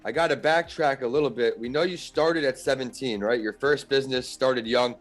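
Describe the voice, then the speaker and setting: Measured male podcast host over faint music. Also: mid-range voice. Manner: measured, announcer-like delivery. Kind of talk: scripted intro and interview questions.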